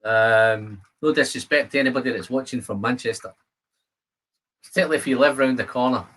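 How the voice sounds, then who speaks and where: Fairly quick and fairly bright in tone, a mid-range voice belongs to a fifty-something Scottish live stream host. He chats casually with his audience, calling out viewers by name.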